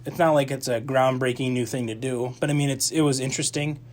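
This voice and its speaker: A young man co-hosting a campus radio movie show, talking casually in a rambling, animated way full of restarts and fillers. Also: mid-range voice, fast talker, a little hiss or hum. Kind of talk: casual movie review chat.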